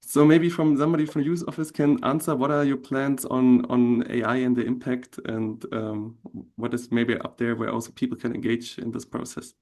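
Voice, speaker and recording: A man's voice: medium pitch, flat delivery, moderate pace, few pauses, a little mellow. A man moderating an online meeting in a polite, hesitant way, with many ums. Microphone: video call.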